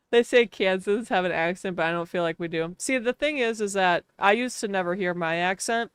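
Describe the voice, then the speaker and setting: Clear and resonant, this medium-pitched voice belongs to a Wisconsin woman with a matching accent, casually chatting at normal speed while streaming a game. She laughs often and says "like" a lot, captured in studio quality with no echo.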